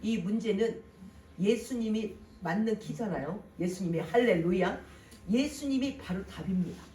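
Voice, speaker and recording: A pastor delivering a Sunday sermon with lively swings between loud and soft, posing rhetorical questions to the congregation. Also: mid-range voice, moderate pace. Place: church sanctuary. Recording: roomy hall from a distant mic, faint ambience.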